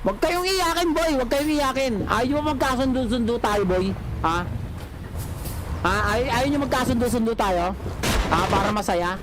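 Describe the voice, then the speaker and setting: Speaking at medium pitch and a normal speed, a streamer rants at the chat, mocking viewers with the same teasing jabs again and again. The background is noisy, with loud music playing over the voice.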